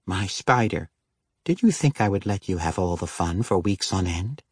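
A man voicing a playful, teasing female halfling noble in an audiobook, lifting his low voice a little for her. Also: animated, moderate pace, slightly rough, no echo, clean studio sound. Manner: teasing, lightly raised voice.

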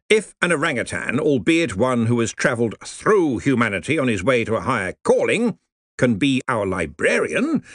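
A man voicing a pompous, hearty older head wizard who drawls slowly. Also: medium pitch, a bit bright, dry recording, clean studio sound, voice pushed up. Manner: slow, beaming, drawn-out delivery.

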